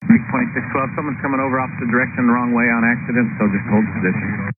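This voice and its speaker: A man, an air traffic controller giving brisk instructions to pilots over the radio. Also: medium pitch, steady tone. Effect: radio transmission. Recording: tinny radio with faint noise.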